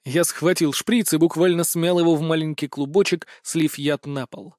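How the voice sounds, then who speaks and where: A man narrating a first-person story in an even storytelling voice. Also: fairly high pitch, normal speed, dry recording, clean studio sound. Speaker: audiobook narrator.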